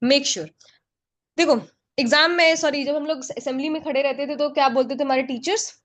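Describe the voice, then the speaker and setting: Hindi-teacher woman, higher voice. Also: normal speed. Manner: mixes Hindi and English, asks the class questions then answers them. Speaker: English vocabulary teacher. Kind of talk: online exam-prep lesson.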